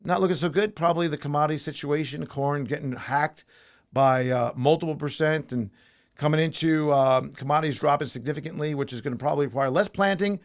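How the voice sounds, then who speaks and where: A man's voice: on the high side, fairly quick. A man hosting a pre-market stock show, casually talking through charts and thinking aloud with fillers and restarts.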